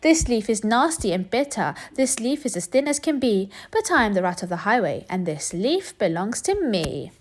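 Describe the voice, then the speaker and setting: A woman voicing a greedy, boastful male rat highwayman in a storybook, with a bullying sing-song chant. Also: sing-song, moderate pace, few pauses. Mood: blustering.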